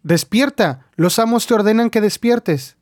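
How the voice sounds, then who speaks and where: A man's voice: high-pitched, moderate pace, a little mellow, a little hiss or hum, pitched above the performer's own voice, close to an everyday voice. A man doing a tense, grim man. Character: grim, tense man hunting disguised aliens.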